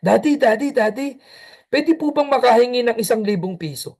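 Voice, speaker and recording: A man's voice: very high voice, animated, moderate pace, a little mellow, pitched above the performer's own voice, exaggerated voice. A man voicing a small boy who pleads with his busy father, whiny and insistent. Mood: pleading. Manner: whiny, pleading, repeats "daddy".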